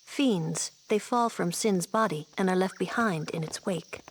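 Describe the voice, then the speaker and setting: Woman voicing a calm composed game character, lowish voice, bit of hiss. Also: unhurried, lightly acted. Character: composed young woman explaining fiends. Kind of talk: game cutscene dialogue.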